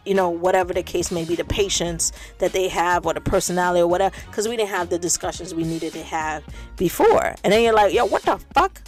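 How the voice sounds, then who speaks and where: A woman hosting her own podcast, ranting bluntly in a casual monologue, full of profanity and repeating her points for emphasis. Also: on the low side. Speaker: podcast host.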